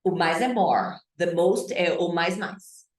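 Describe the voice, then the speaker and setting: Woman English teacher, lowish voice, unhurried and playful, echoey room. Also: animated, darkish tone. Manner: chatty, playful, mixes Portuguese with English. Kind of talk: online English class.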